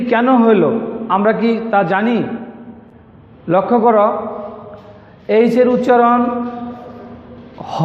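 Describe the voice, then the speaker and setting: Casting: high-voiced male teacher from Bangladesh, slow and patient, dull lo-fi sound. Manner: slow, patient, repeats words for students. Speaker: English teacher. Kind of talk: online grammar lesson. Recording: echoey room, dull lo-fi sound.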